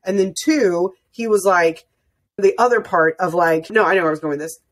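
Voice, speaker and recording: A woman's voice: on the low side, a little fast, slight background noise. A young woman hosting a podcast, chatting earnestly and emotionally, often restarting her sentences. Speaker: podcast host. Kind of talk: casual interview chat.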